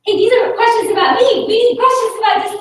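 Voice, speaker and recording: At a quick pace, a woman from the Philippines with a high-pitched voice and Tagalog as her native tongue addresses a club meeting in a public speaking talk with Q&A. She is energetic and rhetorical, pulling the audience in with questions. The meeting room is very echoey, faint noise sits below her, and she is a little distant from the mic.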